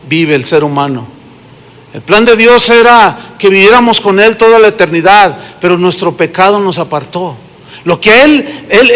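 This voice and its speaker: A pastor with a Mexican accent preaches to his congregation, telling stories and putting questions to them. His voice sits high and is a bit bright, and a long hall reverb surrounds it.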